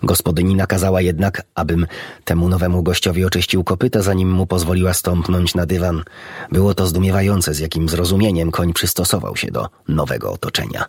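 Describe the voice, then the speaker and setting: Low, husky male storybook narrator. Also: no echo, clean studio sound. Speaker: audiobook narrator.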